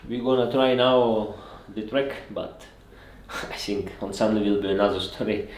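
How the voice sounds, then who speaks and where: A man in his thirties, a pro mountain bike racer, chatting casually on camera outdoors, relaxed and laughing often. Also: fairly low pitch, unhurried, rough recording. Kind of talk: casual vlog talk. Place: outdoors at a race venue and forest track. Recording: music and noise behind.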